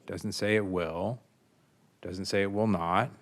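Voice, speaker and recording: A middle-aged male judge with a low, deep voice questions from the bench. He sets out each point precisely and in measured phrases. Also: steady tone. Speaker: appellate judge. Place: large courtroom. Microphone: bench gooseneck microphone.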